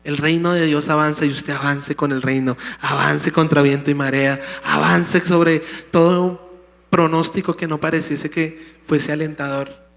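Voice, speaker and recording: A man preaching a sermon in a slightly high voice, emphatic and calling out to his congregation. His words ring out through a church sanctuary. A long hall reverb trails after each phrase. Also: steady tone, a little slow, creaky, fairly bright tone. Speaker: pastor.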